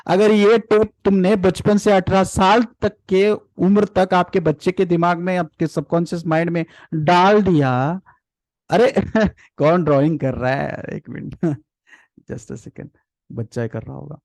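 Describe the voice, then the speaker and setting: High-voiced man lecturing animatedly. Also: unhurried, no room sound. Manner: animated, repeats key points and calls on participants by name; asks rhetorical check questions. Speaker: parenting and personal development trainer. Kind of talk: live workshop lecture.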